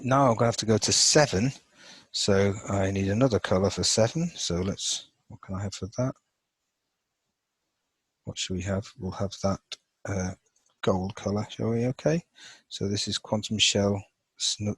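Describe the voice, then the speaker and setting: A man with a lowish, slightly husky voice walks through a chemistry lesson, thinking aloud as he marks up a chart. He talks in a loose, unscripted way, full of fillers and restarts. The sound is dry and close. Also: a little slow, pauses often, no room sound, rough recording. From England. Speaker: chemistry teacher. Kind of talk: informal lesson over a drawn screen.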